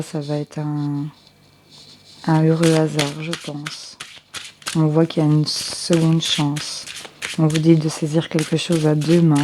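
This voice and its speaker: Speaking into a close headset mic with background noise around her, a deep-voiced woman offers viewers a general tarot reading. She takes her time, with frequent hesitations and restarts.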